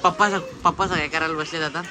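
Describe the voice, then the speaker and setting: A man's voice: a little high, steady tone, fast. A young man hosting a casual family vlog, chatty and playfully teasing the kids around him. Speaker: vlogger. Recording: noisy phone vlog audio.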